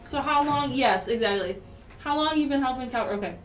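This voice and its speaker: A woman running a tabletop game, her voice a little above average in pitch, chatting casually and breaking into giggles. She is heard in a roomy space, set back from the mic, with faint music behind. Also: expressive, brisk, far from the mic. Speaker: game master.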